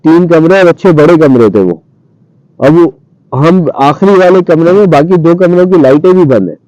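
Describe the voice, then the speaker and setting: A man tells a ghost story from his own past and acts out what he and his cousin said. His voice is dark and mellow, in a mid register. The sound is dry and dull, like an old radio broadcast. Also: on the high side, normal speed, no echo. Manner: animated retelling, acting out his own past lines. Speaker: storyteller guest. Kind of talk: casual spoken ghost story. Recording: dull muffled radio-style audio.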